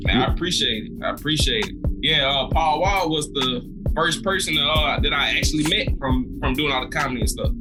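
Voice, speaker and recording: A man from Louisiana with a Southern US accent, a comedian guest telling stories in a relaxed, laughing way on a casual podcast. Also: on the high side, fairly quick, music in the background. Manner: laid-back storyteller, laughs often, says "man" a lot.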